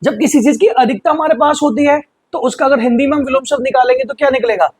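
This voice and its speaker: A man teaching English vocabulary in Hindi, explaining patiently and slowly repeating words for pronunciation. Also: very high-pitched, husky, no room sound. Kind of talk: vocabulary lesson.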